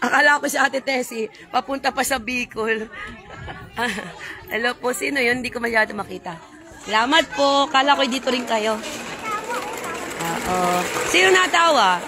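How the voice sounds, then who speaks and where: A woman's voice: high voice, animated, moderate pace, noisy background. A woman from a church live-streaming on her phone as she walks outdoors beside railway tracks, chatting and greeting viewers and passers-by. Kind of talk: casual live-stream chat. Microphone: phone held while walking.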